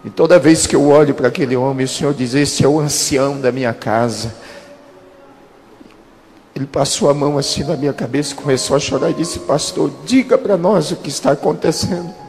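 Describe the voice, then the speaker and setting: A man in his thirties, a pastor, giving a dramatic testimony and slowing down for quoted speech. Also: a little high, a little mellow. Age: 30s. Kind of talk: testimony sermon. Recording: reverberant hall with music behind.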